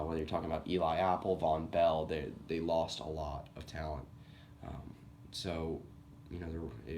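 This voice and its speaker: Low-pitched with a darkish tone, this young man's voice carries over slight background noise. He's a sports YouTuber who is sick and coughing as he gives a loose, rambling preview of a college football team, fixing his own slips as he goes.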